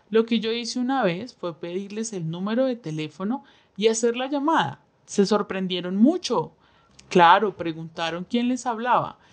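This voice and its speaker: A woman interprets a signed interview aloud, speaking in the first person for the signer. Her voice sits at an ordinary middle pitch. She keeps a measured, steady pace with short pauses between phrases. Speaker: sign language voice interpreter.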